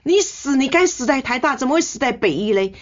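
A woman's voice: sits high, animated, fairly quick, muffled recording, pitched above the performer's own voice. A woman doing her distraught father-in-law. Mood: anguished scolding. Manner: pleading, repeating reproaches. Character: distraught older man, a scolding father-in-law.

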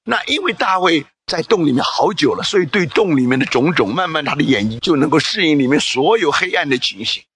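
A man's voice: fairly high pitch, animated, a little fast, few pauses, a bit bright, a little hiss or hum. A man preaching a sermon, reading scripture aloud and pressing the congregation with emphatic rhetorical questions.

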